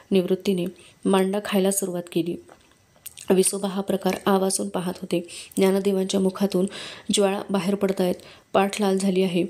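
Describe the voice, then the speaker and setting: A woman reading a storybook aloud in steady, measured narration. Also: medium pitch, vocal fry. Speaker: book reader.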